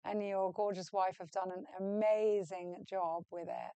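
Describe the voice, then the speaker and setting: A woman's voice: medium pitch, steady tone, warm tone, smooth, dry recording. A woman hosting a podcast interview, upbeat and enthusiastic, chiming in often. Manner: upbeat, enthusiastic, quick to chime in. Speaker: podcast host.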